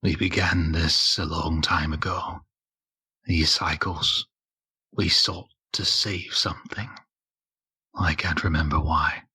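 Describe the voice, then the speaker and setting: A man voicing Deceit, a raspy ancient temptress. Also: extremely low pitch, steady tone, bright, forceful tone, heavily acted. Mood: tempting. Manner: slow, solemn, tempting speech. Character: ancient female spirit of deceit, cold and tempting. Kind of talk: tabletop game role-play.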